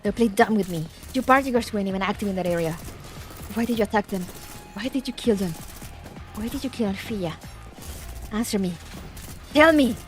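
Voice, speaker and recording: A woman's voice: medium pitch, a little fast, pauses often, soft background music, pitched above the performer's own voice, close to an everyday voice. A woman voicing an angry, anguished female soldier from a video game, reading the dialogue aloud dramatically. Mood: angry, demanding.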